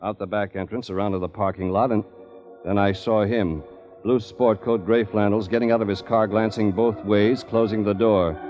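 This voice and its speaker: A man's voice: fairly low pitch, fairly even intonation, moderate pace, a little mellow, natural voice. An actor playing a tough male private detective who narrates in a clipped, terse, hard-boiled manner, in 1940s radio acting style. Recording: dull old radio recording with music.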